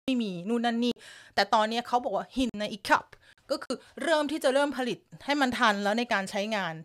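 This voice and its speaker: With a somewhat high voice and a fast delivery, this Thai woman runs a casual news live stream from an upstairs room at home. She is chatty and giggly, reading viewer comments out loud, and a lingering cough keeps coming back.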